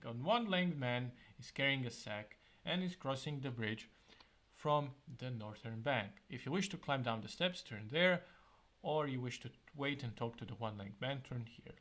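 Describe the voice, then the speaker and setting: A man reads a fantasy gamebook aloud in a mid-pitched voice, then drops into relaxed, halting comments of his own. His asides are casual, with fillers and restarts. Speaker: gameplay video host. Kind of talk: reading interactive fiction aloud with casual commentary.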